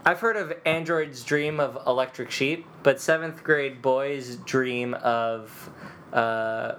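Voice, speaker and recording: A man's voice: medium pitch, steady tone, takes it slowly, fairly bright tone, a little hiss or hum. A man hosting a casual podcast chat, rambling and joking as he tells a story. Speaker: podcast host telling a story.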